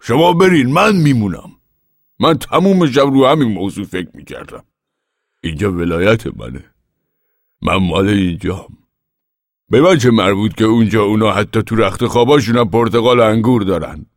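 A man voicing a stubborn, defiant old grandfather farmer who shouts and drags out his words. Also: fairly low pitch, expressive, no room sound, clean studio sound, voice pushed up. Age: older.

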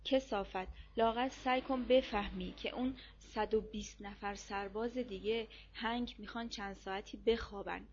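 A woman's voice: medium pitch, fairly even intonation, dull audio, a little hiss or hum, close to an everyday voice. A woman voicing an angry male soldier who answers bluntly and scolds.

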